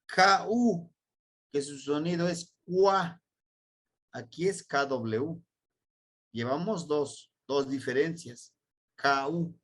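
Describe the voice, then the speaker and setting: A man's voice: fairly high pitch, fairly bright tone. A man from Mexico with a Mexican Spanish accent, teaching a language class and patiently spelling out sounds and words. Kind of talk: slow classroom explanation.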